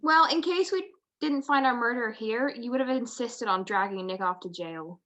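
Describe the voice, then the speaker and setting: An actress playing a detective's playful, quick-thinking wife, arch and genteel, in an old-time radio drama style. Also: female voice, fairly high pitch, lively intonation, a bit bright. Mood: playful, pleased. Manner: arch, genteel, matter-of-fact. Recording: dull, lo-fi video call recording.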